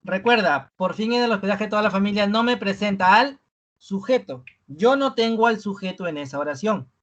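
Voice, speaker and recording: A teacher giving a live online review class, ending almost every phrase with a questioning "¿no?" and repeating key words slowly for emphasis. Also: medium pitch, expressive, fairly bright tone, muffled recording.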